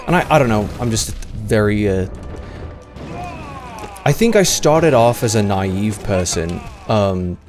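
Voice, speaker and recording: A man's voice: on the low side, animated, slow pace, darkish tone. A man, chatting casually and at length on a livestream, meandering with lots of fillers and restarts. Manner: meandering, self-deprecating, many fillers and restarts. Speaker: streamer. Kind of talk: casual rambling livestream chat. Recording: music playing clearly behind the voice.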